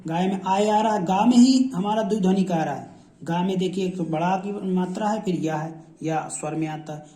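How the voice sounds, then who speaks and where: A man's voice: high-pitched, normal speed, dark tone. Echoey repetitive Hindi shorthand teacher man. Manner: repetitive, drills each word aloud several times. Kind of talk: classroom lesson. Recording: echoey room.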